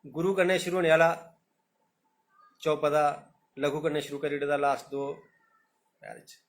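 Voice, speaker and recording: A man with a Dogri accent, a teacher giving a live talk on poetry, who explains points, repeats himself and recites verses slowly. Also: on the high side, steady tone.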